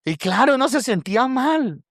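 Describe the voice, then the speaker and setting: A man's voice: very high-pitched, moderate pace, no echo, studio quality. A man preaching a sermon to his church, telling stories and acting out what people said. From Colombia. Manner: animated storytelling with acted quotes, addresses congregation as brothers. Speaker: pastor.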